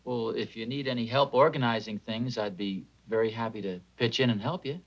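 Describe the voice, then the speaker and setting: A man's voice: mid-range voice, brisk, lightly acted. An actor playing a genial, meddling middle-aged father in a 1950s sitcom, chuckling and folksy as he offers to help. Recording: dull lo-fi 1950s TV soundtrack.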